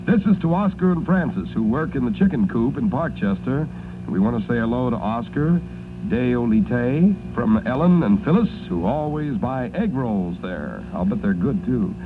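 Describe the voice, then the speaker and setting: A narrow, clearly noisy old radio broadcast carries an American man reading dedications as a 1950s disc jockey. His delivery has lively movement in pitch. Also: moderate pace. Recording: noisy, tinny vintage radio broadcast recording.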